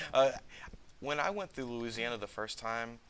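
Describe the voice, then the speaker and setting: A man's voice: medium pitch, measured pace, fairly bright tone, slight background noise, rough recording. A man from Northeast Texas hosting a casual interview, chatty and jokey, rambling a bit. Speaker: podcast host. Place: school campus room.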